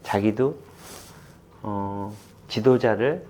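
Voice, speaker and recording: A man in his fifties, a football coach, talking through memories in an interview with many pauses and fillers. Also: on the low side, a little mellow, a little hiss or hum. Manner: halting and reflective, many fillers, laughs while retelling. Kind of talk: candid interview.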